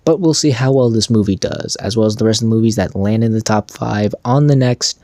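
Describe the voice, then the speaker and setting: A man's voice: fairly low pitch, fairly quick, a little mellow, no room sound. A man hosting casual box office commentary, talking with enthusiasm and frequent stammers and restarts.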